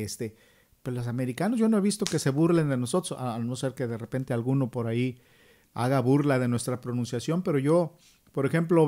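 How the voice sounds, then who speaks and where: A man's voice: on the high side, a little mellow. A middle-aged Mexican man with a Mexican accent, giving an opinion monologue and asking the viewers rhetorical questions. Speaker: channel host.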